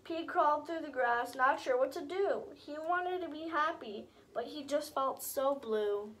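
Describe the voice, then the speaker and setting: A woman's voice: high voice, measured pace, fairly bright tone, a little hiss or hum. A woman reading a rhyming picture book aloud in a sing-song way, breaking off to chat with viewers. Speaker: storybook reader.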